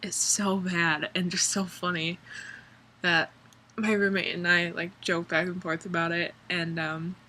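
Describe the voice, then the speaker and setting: A woman's voice: fairly low pitch, flat delivery, a little slow, sharp tone. A young woman chatting casually in her dorm room, rambling and sarcastic, with many ums and likes. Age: young adult. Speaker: vlogger. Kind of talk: casual vlog chat.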